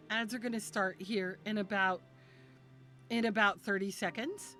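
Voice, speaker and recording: A woman's voice: mid-range voice, a bit bright. A woman VTuber streamer chatting casually with her viewers. She is emotional and gushes in rambling sentences, often restarting them. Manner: gushing, rambling, many restarts. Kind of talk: casual live-stream chat.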